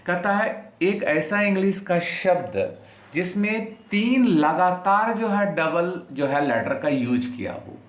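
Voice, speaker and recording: Slow, repetitive Bihari man teaching English. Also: high voice, expressive. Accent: Indian, from Bihar. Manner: slow, drawn-out explanations with many repetitions and tag questions. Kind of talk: classroom lesson. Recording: echoey room.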